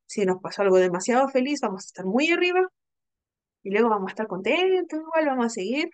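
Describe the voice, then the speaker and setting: A woman's voice: on the high side, very animated, fast talker, no echo. A young adult woman, teaching a training class and explaining patiently, often checking in with her listeners. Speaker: instructor.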